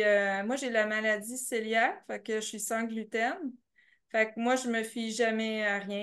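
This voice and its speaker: Woman, Québécois accent, young adult, lively storyteller, slightly high voice, laughs a lot. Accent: Québécois French. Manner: animated storytelling, laughs often, many fillers. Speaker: podcast guest, ultra trail runner. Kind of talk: casual interview chat.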